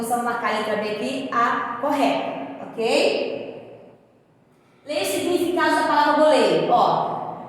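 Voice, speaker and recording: A Brazilian woman with a high voice teaches young pupils, pausing often to check that they follow. Her voice rings around a bare, echoey room with a long reverb tail and a faint hum behind it. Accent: Brazilian Portuguese. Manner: patient, checks in often with "tá bom?" and "ó". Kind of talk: guiding children through workbook exercises.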